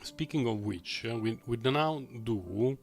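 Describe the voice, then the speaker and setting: A man's voice: mid-range voice, expressive, slow pace, faint music behind. A man chatting casually while live-streaming video games, rambling and often chuckling to himself. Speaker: game streamer.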